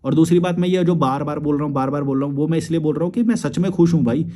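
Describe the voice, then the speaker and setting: A man's voice: a little high, racing, warm tone. A young man, a YouTube creator, replying to viewer comments in a blunt, crude and combative rant with frequent swearing.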